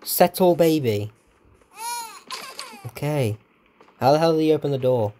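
A man doing let's-play commentary, excitable and swearing at the game while muttering to himself. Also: on the high side, a little slow, slight background noise. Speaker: gamer.

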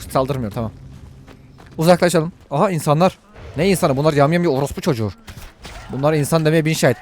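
Excitable high-voiced man playing a game. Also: a little hiss or hum. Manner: excitable, crude joking and swearing; talks to viewers while playing. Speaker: gaming video host. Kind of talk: let's play commentary.

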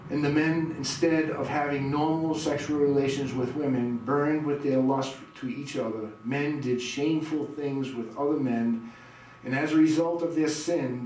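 A man's voice: mid-range voice, a little mellow, recorded from a distance. A middle-aged man as pastor delivering a sermon in a small church room, reading scripture aloud and quizzing the audience. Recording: very echoey room, heard from afar, noisy.

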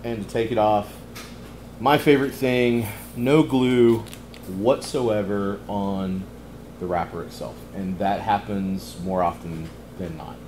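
A middle-aged man, chatting casually in a cigar lounge as he reviews a cigar, relaxed and easygoing with many ums. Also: fairly low pitch, slow, roomy sound, slight background noise, low-quality recording. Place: cigar lounge, indoors, leather chairs.

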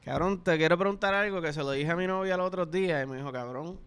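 A young podcast host with a Puerto Rican Spanish accent spins loose, profane stories in casual chat. His voice is high, quick, a little bright and smooth.

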